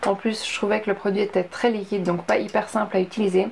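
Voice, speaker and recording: A young woman from Switzerland talks through her finished beauty products in a relaxed, rambling vlog style. Her mid-pitched voice carries a little fry, and the recording has a faint hiss of background noise. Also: quick pace. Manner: chatty, many fillers and asides. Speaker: beauty vlogger. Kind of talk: casual product review vlog.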